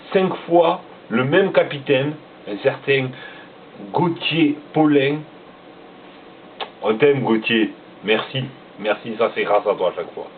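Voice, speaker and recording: A motocross vlogger casually reads out a list of riders, stumbling over names and poking fun at himself for it. His mid-range voice sounds tinny and phone-like, far from the mic, with slight background noise.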